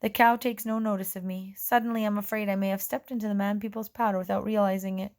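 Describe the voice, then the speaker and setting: A woman narrating a children's storybook in the first person, in a gentle, measured way. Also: mid-range voice, level tone. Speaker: audiobook reader.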